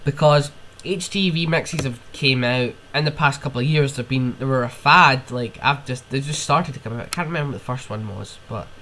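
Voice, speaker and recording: A man's voice: mid-range voice, a little fast, few pauses, bright, forceful tone. A young man with a cold, hosting a podcast on his own and ranting in rambling, casual chat, with sniffs and swearing. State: ill with a cold. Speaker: podcast host.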